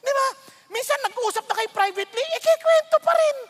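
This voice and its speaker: A man's voice: very high-pitched, fast talker, a little hiss or hum. Filipino guy preaching in a big echoey church hall, keeps asking the crowd questions. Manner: animated, rhetorical questions, mixes English into Tagalog. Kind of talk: sermon. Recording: long reverb of a large hall.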